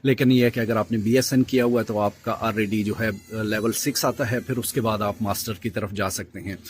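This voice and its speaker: Low-voiced man giving casual advice. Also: a little fast, noisy background. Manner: relaxed, mixes in English words, many "jo hai" fillers. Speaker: vlogger advising overseas health workers.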